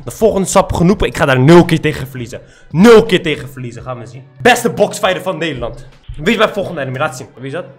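Boastful young man, high voice. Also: expressive, fast talker, faint music behind. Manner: boastful, trash-talking, repetitive taunts. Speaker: gaming YouTuber. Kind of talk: live gameplay commentary.

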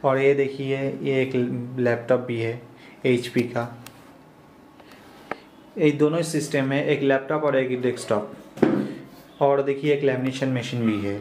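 A shop owner in his twenties casually tours viewers around his small cyber cafe for a vlog, plainly listing its services one by one. His medium-pitched voice has a darkish tone. The small room is echoey, with faint ambience and slight background noise.

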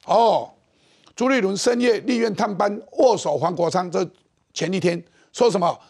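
A middle-aged man with a Taiwanese Mandarin accent, hosting a political talk show with animated, mocking commentary. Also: sits high, moderate pace, gravelly, slightly rough.

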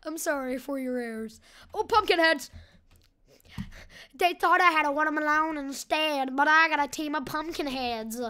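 A young woman with a high voice riffs through casual gameplay commentary. She is hyper and goofy, cracking jokes and breaking into loud yells and silly chants. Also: moderate pace. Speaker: gaming channel host.

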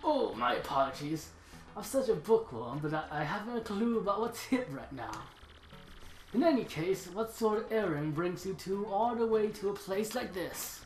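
A fussy, bookish old male Goomba professor from a video game, excitable and forgetful , acted out by a man. The room echoes and faint game music plays behind. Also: high voice, normal speed. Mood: chatty.

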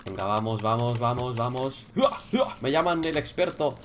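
Foul-mouthed young gamer, lively pitch. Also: male voice, moderate pace. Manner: swears a lot, yells and screams in frustration; mutters quietly to himself while solving puzzles. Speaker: gaming YouTuber. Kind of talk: Minecraft let's play commentary. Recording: dull lo-fi mic with faint noise.

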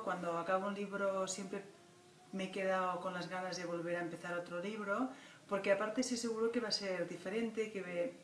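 A woman, a children's book author and illustrator, reflecting thoughtfully in an interview, halting often with "ah" fillers. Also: medium pitch. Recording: roomy distant mic with faint noise.

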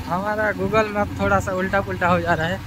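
Filmed on a body-worn camera, a man from Chhattisgarh speaks at a moderate pace in a high, fairly even voice while biking rural roads and walking a forest trail. Tired but chatty, this travel vlogger addresses viewers as "guys" over a noisy background.

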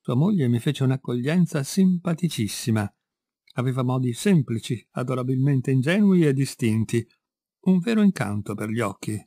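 A man's voice: mid-range voice, husky, no echo. Man narrating a classic tale, dry close sound. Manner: measured, expressive storytelling. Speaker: audiobook reader. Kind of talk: literary read-aloud narration.

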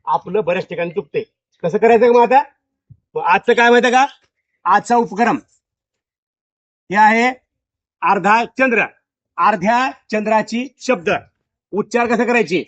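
A man's voice: sits high, normal speed, long pauses, a bit bright, no room sound. Male teacher in a classroom, keeps firing the same question at pupils, dry, dull lo-fi recording. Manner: repeats questions to pupils, drilling. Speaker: school teacher.

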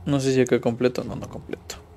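A man's voice: medium pitch, little pitch movement, fast talker, dark tone, slight background noise. A young man from Ecuador giving casual live commentary while playing a mobile game and chatting with viewers. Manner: casual, chatty, reads viewer chat aloud. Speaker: streamer.

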